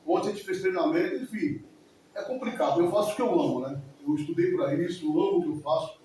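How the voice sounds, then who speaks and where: Giving his testimony to a church congregation, a man in his forties talks at a quick pace in a mellow voice that sits high for a man. He is emotional, rambles, and circles back over the same words, picked up from afar in a very echoey hall with faint noise behind him.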